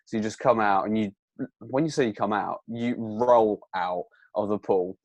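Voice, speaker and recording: A man's voice: on the low side, moderate pace, darkish tone, dry recording. A young British man with a British accent, co-hosting a podcast in casual chat, telling stories and swearing freely. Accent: British English. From Britain. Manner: storytelling, swears casually, acts out quotes. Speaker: podcast co-host.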